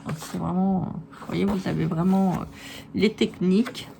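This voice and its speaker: A woman's voice: on the low side, fairly even intonation, moderate pace, gravelly, noisy background. A woman chatting enthusiastically in a casual crafts haul video, with many fillers and restarts. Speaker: crafts vlogger.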